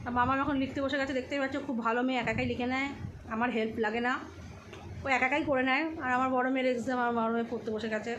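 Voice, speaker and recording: A woman's voice: high-pitched, steady tone, very fast, a bit bright, roomy sound, muffled recording. A woman in her thirties with a West Bengal accent, narrating a casual home vlog and chatting directly to viewers. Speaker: family vlogger, mother. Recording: noisy handheld home recording.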